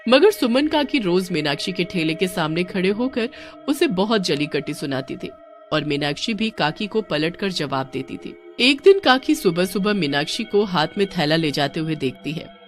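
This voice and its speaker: A woman's voice: on the low side, lively intonation, normal speed, faint music behind. A woman narrating a scripted story, switching between narration and the voices of its characters.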